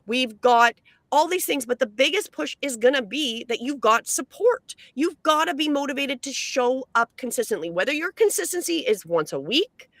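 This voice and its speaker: A woman's voice: high-pitched, animated, normal speed, a bit bright, no room sound. A Canadian woman co-hosting a live online show, explaining things in long upbeat run-on stretches. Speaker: co-host. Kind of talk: casual livestream chat.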